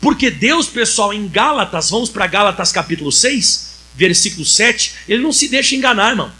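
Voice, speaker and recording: A male pastor with a Brazilian Portuguese accent, preaching a sermon and acting out conversations and reading scripture slowly. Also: sits high, very animated, sharp tone. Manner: storytelling preacher who acts out dialogue and reads scripture slowly.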